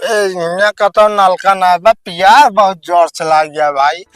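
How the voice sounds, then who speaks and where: A man's voice: high voice, slow, fairly bright tone, clean tone. A man with an Awadhi accent playing a boastful, quarrelsome village drunk in a comedy sketch, slurring and rambling. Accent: Awadhi, eastern Uttar Pradesh.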